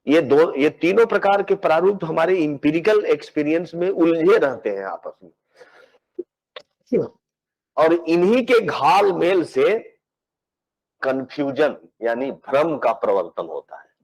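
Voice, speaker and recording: Lecturing on philosophy in a measured way, this professor works through ideas step by step, often repeats words while searching for phrasing, and drops in English technical terms. He sounds a little high and darkish with big pitch swings, and the audio is poor.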